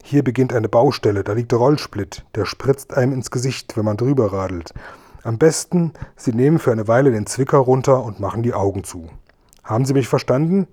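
A gruff storybook robber, crafty and blunt, grumbling low and curt, as a man puts him on. The voice sits dark and mellow at an ordinary pitch. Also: brisk, close to an everyday voice.

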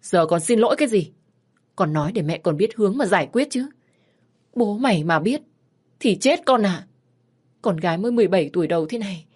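A woman voicing a frantic mother who scolds her pregnant teenage daughter with loud, rapid questions. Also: medium pitch, close to an everyday voice. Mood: scolding.

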